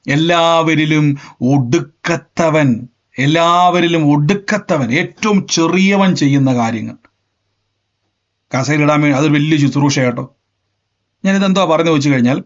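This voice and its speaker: A man preaching a sermon, emphatic and repetitive, often rising in pitch and force. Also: dull audio. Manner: emphatic, repeats phrases, rises in pitch and volume. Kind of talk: Pentecostal sermon.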